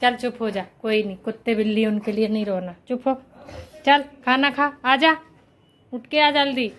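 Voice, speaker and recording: A woman's voice: a little high, normal speed, a bit bright, rough recording. A woman in her thirties filming a family vlog, coaxing and soothing her crying children in casual talk. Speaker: vlogger and mother.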